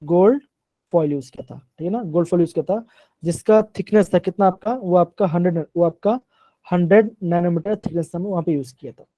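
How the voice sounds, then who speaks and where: A man's voice: high voice, brisk, mellow, no echo. A man teaching a class live online, often asking questions and repeating them, mixing terms into his sentences.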